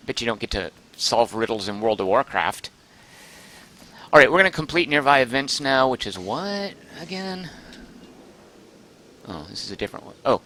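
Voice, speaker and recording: Guy streaming a game, super animated voice all over the place, bright and a bit sharp, chatty, close mic. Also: mid-range voice. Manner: chatty, excitable, thinks aloud and reads chat. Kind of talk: live gameplay commentary.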